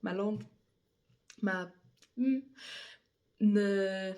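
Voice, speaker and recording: A woman's voice: medium pitch, very slow, warm tone. A young woman with an English accent reading scripture aloud in a second language, hesitant and often correcting herself. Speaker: Bible reader. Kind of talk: reading scripture aloud, then casual chat.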